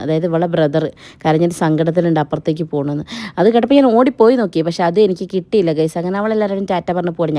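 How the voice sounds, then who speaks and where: Fast-talking woman vlogger. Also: lowish voice, dark tone. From Kerala. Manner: chatty, teasing, addresses viewers as guys. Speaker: family vlogger. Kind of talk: chatty vlog voice-over. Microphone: voice-over mic.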